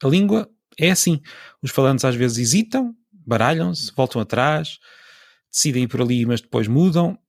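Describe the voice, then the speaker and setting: A man with a European Portuguese accent talks through a solo explainer podcast at a middle pitch. His voice is husky with a gravelly edge, recorded close and dry. He pauses and corrects himself as he thinks aloud. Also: expressive, no room sound. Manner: thoughtful, explanatory, with hesitations and self-corrections. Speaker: podcast host. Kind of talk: solo educational podcast monologue.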